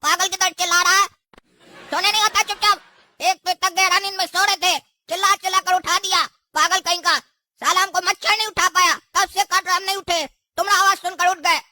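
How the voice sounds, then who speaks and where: A woman's voice: fairly even intonation, a little fast, bright, forceful tone, no room sound, clean studio sound. A woman, playing an insulting son woken at night in a comedy sketch. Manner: shrill, insulting.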